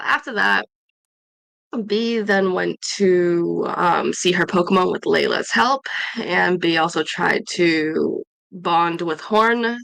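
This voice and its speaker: A woman's voice: lowish voice, gravelly, sharp tone, no room sound, rough recording. A woman recapping her character's adventures from a tabletop game session at home, rambling with many fillers and self-corrections.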